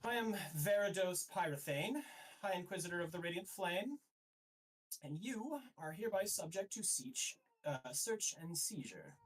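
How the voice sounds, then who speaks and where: A man voicing a smug, scheming male high inquisitor who speaks with cold, smirking authority, somewhat far from the mic. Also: very animated, a little slow, heavily acted. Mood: smug menace.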